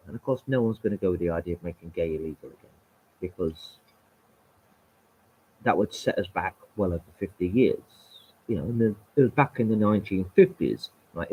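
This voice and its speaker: A man's voice: mid-range voice, slightly rough, phone-quality sound. A man hosting a live stream and ranting in a heated, emphatic, sweary monologue.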